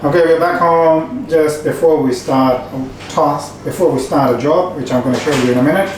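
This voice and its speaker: Woman vlogging casually, low voice, noisy with vehicle rumble behind her. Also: moderate pace, darkish tone. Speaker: farm vlogger. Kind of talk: casual vlog chat.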